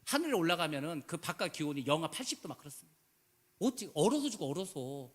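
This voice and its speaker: A pastor preaches a sermon in a church sanctuary, his fairly high voice swinging widely in pitch at a quick pace. He's emphatic and full of rhetorical questions, slipping into casual speech, and the recording carries church hall reverb.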